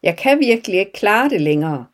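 A woman's voice: medium pitch, very animated, lightly acted. A woman voicing a weary, poor male farmer who pleads in a heartfelt way. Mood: pleading.

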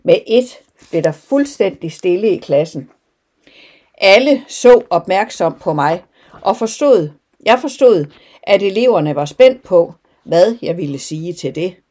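A woman narrating an audiobook in a calm, measured first-person reading. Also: lowish voice. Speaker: audiobook reader.

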